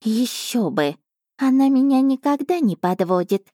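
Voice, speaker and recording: A woman's voice: fairly high pitch, animated, measured pace, dark tone, dry recording, studio quality, pitched above the performer's own voice. A woman voicing a feisty, proud female cat familiar who snaps and scolds. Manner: snappy and scolding.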